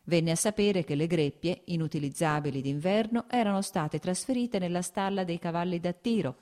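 A woman reads a classic novel aloud in a measured, even pace. Her voice sits on the lower side for a woman. The delivery is calm, literary narration. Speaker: audiobook narrator. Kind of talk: scripted narration.

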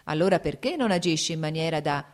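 A woman voicing an easygoing, worldly male nobleman who speaks calmly and teases in an audiobook reading. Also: deep voice, fast talker. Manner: calm, teasing.

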